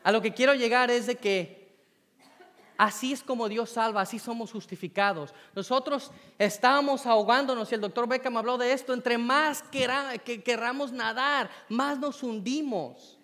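A man preaching a sermon, telling a self-deprecating personal story in an animated way. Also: extremely high pitch, normal speed. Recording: long reverb in a hall.

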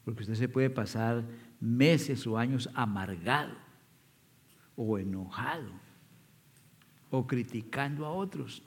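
A man of medium pitch preaches a sermon, walking his listeners through a scripture story and asking them pointed questions. His voice rings out with the long reverb of a large church hall. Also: takes it slowly, pauses often. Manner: storytelling, addresses the congregation directly.

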